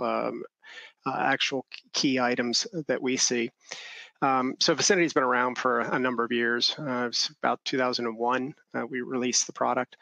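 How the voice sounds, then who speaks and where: Man, company founder, unscripted presentation, hesitant, gravelly, dry close sound. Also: mid-range voice, pushed and bright, no room sound, rough recording. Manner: hesitant, many ums and restarts.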